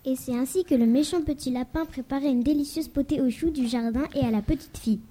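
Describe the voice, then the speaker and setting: A woman's voice: sits high, quick pace, mellow. A woman reading a children's story aloud in a careful, read-aloud way on a class radio show.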